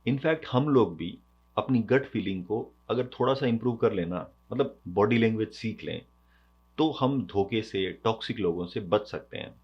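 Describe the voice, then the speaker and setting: A man's voice: lowish voice, lively intonation, moderate pace, breathy edge. A man hosting an educational video, explaining in a conversational way, mixing English terms into his speech and asking rhetorical questions. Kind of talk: explanatory lesson. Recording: dull lo-fi sound.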